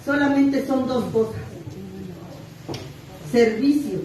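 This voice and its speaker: A woman's voice: high-pitched, slow, mellow. Middle-aged Mexican woman, raised voice, candid and crude testimony at a meeting, mic far off in an echoing hall. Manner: blunt, earthy, self-mocking confession with crude slang. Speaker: sharer at a recovery group meeting. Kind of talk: personal testimony. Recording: echoey distant room mic.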